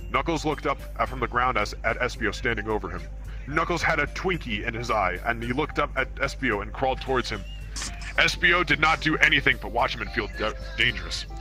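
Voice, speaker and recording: With a bright, forceful, medium-pitched voice, an amateur reader performs a comic story as a mock-serious dramatic narrator. The fan fiction reading takes place in an online VR hangout while music plays in the background.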